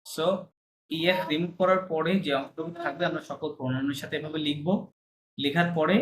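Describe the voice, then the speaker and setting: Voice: mid-range voice, a bit bright, a little hiss or hum, rough recording. An online French teacher explaining verb endings patiently, checking understanding often and mixing English and French terms into the lesson.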